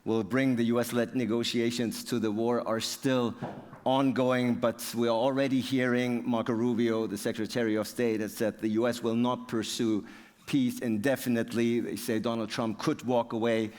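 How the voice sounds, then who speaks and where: A man moderating a stage interview, with fluent, measured questions and frequent uh fillers. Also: mid-range voice, flat delivery, darkish tone. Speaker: interviewer, TV presenter. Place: university hall on stage.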